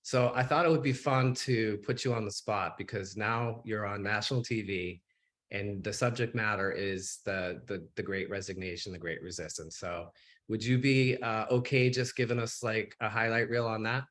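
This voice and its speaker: A man hosting an interview with an energetic, conversational way of talking. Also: fairly low pitch, moderate pace. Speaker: podcast host. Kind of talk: casual interview chat.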